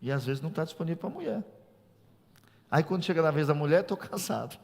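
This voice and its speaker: A man from Brazil preaching a teaching sermon as a pastor. He jokes with the congregation in a conversational way, then climbs to loud preaching peaks. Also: a little high, fast talker, gravelly. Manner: animated, swings from soft asides to loud preaching peaks. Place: church. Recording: long reverb of a church hall.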